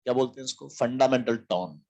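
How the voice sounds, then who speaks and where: A man's voice: medium pitch, fairly quick, darkish tone, muffled recording. A man teaching a physics lesson, repeating key terms and answering his own questions. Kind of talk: classroom lecture.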